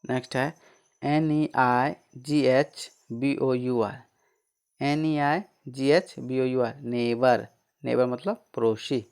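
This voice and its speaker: This man's pronunciation lesson comes in a steady, clean, mid-range voice with some vocal fry and a slightly mellow quality. He spells words letter by letter, repeats them slowly, and answers the questions he puts forward himself.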